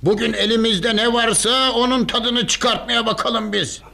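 Radio play: carefree old patriarch, coaxing and cheerful, gravelly bright voice. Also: male voice, very high-pitched, steady tone, measured pace, full character voice. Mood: jovial. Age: older. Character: easygoing old grandfather, carefree and jovial. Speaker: family patriarch. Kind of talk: radio drama acting.

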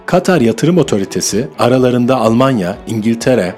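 A man reading a newspaper opinion column aloud in a formal, even delivery. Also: medium pitch, brisk, over music. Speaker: column reader. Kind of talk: scripted narration.

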